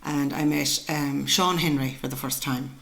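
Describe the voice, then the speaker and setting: A woman's voice: very deep voice, fairly even intonation, normal speed, crowd noise. A woman in her sixties with a west of Ireland accent, reminiscing in casual conversation as an interview guest, in a colloquial, emphatic storytelling way. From west of Ireland (County Mayo). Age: 60s. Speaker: interview guest, traditional musician. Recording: echoey room, clear background noise.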